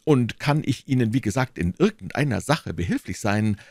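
A man voicing a bold, quick-tempered young swordsman in an audiobook, brash and exclaiming. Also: medium pitch, expressive, a little mellow, husky, dry recording, clean studio sound, voice pushed up. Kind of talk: audiobook reading.

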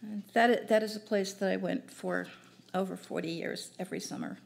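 An older woman reading her own poems at an open mic on a small cafe stage, in a gentle, measured recital into a stand mic. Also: medium pitch, fairly even intonation, creaky. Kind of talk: poetry reading. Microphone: stand mic at a distance.

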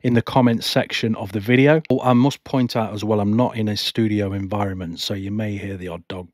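A man's voice: lowish voice, fairly even intonation, a little fast, a little mellow, no echo, studio quality. A man vlogging about motorcycling from home, answering viewer questions in a nervous, rambling way with many restarts. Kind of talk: casual talk to camera, reading viewer questions. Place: home, not a studio. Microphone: home microphone.

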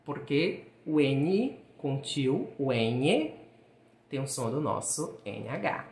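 A man's voice: mid-range voice, animated, slow, a little mellow. A man teaching Spanish in a recorded video lesson for sixth graders, patiently drawing out sounds and repeating syllables. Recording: roomy, echoey room sound.

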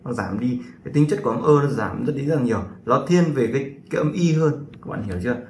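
A man teaching a pronunciation lesson in a loose, casual way, stopping often on long fillers and going back over his own words. His voice sits at an ordinary middle pitch and carries a clear echo off the room. A light hiss runs underneath. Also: expressive, a little mellow. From Vietnam. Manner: hesitant, many drawn-out fillers and repetitions. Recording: echoey room with faint noise.

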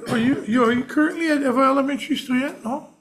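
A man's voice: very high-pitched, fast talker, a bit bright. A middle-aged man, a senator, making chatty, informal remarks at a desk microphone in a hearing.

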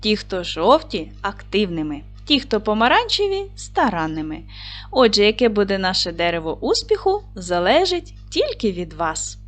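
A woman teacher giving a video lesson to young children, speaking slowly and clearly, drawing out words for dictation and encouraging the class. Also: mid-range voice, very animated, faint music behind. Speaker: primary school teacher.

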